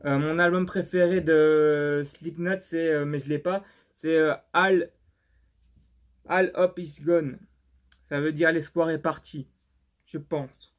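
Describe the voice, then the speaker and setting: Young male vlogger, non-native French accent, slow and halting, fairly high voice. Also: fairly even intonation. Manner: halting and unsure, many fillers and restarts. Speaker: YouTuber showing his CD collection. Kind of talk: casual vlog commentary.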